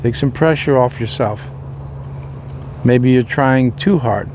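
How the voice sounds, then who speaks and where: An older man speaks as a pastor in a loose, folksy devotional talk, circling back on himself with plenty of ums and restarts. His voice sits at an ordinary middle pitch. Faint crickets and the odd passing car hum behind him. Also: slow, darkish tone. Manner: rambling, folksy, many fillers and restarts.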